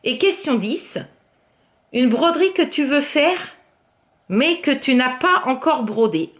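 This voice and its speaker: A woman vlogger in casual show-and-tell chat, talking her way through her crafts with many fillers and the odd soft murmur. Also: sits high, expressive, slow. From France. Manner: chatty, filler-heavy, often drops to a soft murmur.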